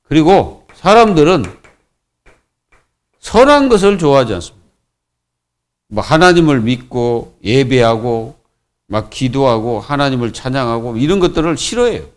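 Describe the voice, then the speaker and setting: Lively-voiced Korean pastor preaching. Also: male voice, mid-range voice, moderate pace, long pauses. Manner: colloquial preaching with many fillers and repetitions. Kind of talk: sermon. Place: church.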